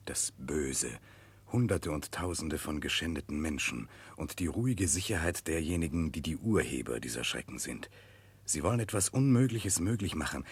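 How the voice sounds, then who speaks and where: Brooding prince, very deep husky voice. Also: male voice, full character voice. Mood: tormented. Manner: grave, introspective. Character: brooding, remorseful Russian prince searching for redemption. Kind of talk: 1960s German radio drama acting.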